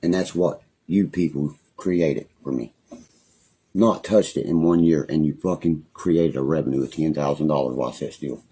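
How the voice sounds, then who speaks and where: Young west virginia guy cussing and ranting on a phone stream, super dark raspy voice. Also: a bass voice, moderate pace. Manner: angry, rambling, threatening, heavy swearing. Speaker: livestreamer. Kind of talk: profane live-stream rant. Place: small room at home, indoors.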